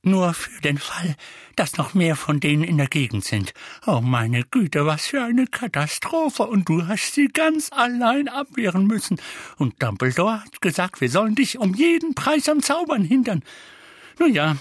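Mrs Figg, shrill scolding old woman voiced by a man. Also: sing-song, a little slow, no room sound, studio quality, exaggerated voice. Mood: fussing impatient. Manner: screeching, scolding.

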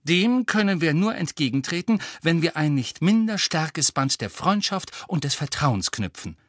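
A man reading an audiobook, voicing a clever, bossy teenage schoolgirl witch with a brisk, lecturing manner. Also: fairly high pitch, very animated, no echo, studio quality, pitched above the performer's own voice. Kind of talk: audiobook character voice.

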